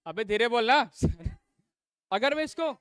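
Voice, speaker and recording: High, bright-voiced male teacher scolding class. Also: very animated, unhurried, clear, resonant tone, no echo. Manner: drills class with call-and-response questions, scolds noisy students. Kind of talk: live classroom lesson.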